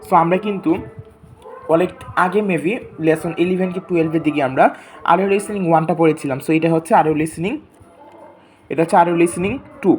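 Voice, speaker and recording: Slow-reading textbook teacher, mid pitch. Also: steady tone, darkish tone. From Bangladesh. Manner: reads English lines very slowly, then explains them; checks in often with a rising question. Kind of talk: video class explaining a textbook.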